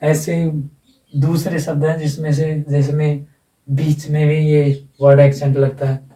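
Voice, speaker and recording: A man teaching English phonetics in a slow classroom lecture, repeating words and checking that students follow. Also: fairly high pitch, little pitch movement, warm tone. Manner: explains slowly with repetition and asides. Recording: echoey room, from far off.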